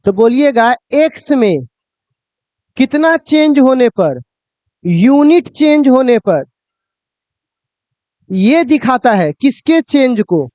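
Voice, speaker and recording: A man gives a physics lecture to students in a very high-pitched voice. He keeps asking his class a question and then answering it himself. The recording is dry and slightly dull. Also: very animated, takes it slowly, pauses often, a little mellow, no room sound. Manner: addresses students fondly, asks and answers his own questions. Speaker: physics teacher.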